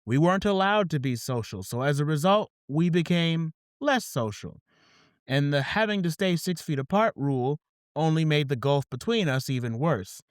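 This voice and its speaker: A man's voice: fairly high pitch, lively intonation, moderate pace, clear, resonant tone, no echo, clean studio sound. A man hosting a podcast, reading a scripted opening and then chatting casually, often repeating "absolutely". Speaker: podcast host.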